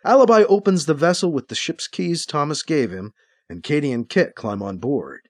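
Expressive male audiobook narrator. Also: fairly high pitch, moderate pace, dry recording, clean studio sound.

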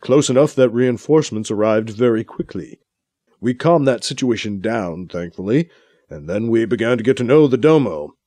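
A man voicing a calm male scientist who explains things in a measured, storytelling way, in an audiobook. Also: medium pitch, no echo, natural voice. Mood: explaining.

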